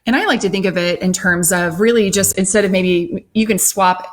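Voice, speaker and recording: A woman in her forties co-hosting a casual live-stream chat with her husband, chatty and quick to laugh. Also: mid-range voice. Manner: chatty, laughs easily, talks through ideas. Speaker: co-host.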